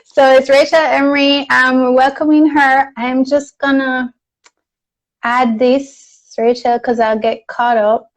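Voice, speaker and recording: A woman with a Jamaican accent hosting a casual live video chat, friendly and quick to laugh. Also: high-pitched, little pitch movement, rough recording. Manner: friendly, laughs easily, slow and deliberate. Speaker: host. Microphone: video call.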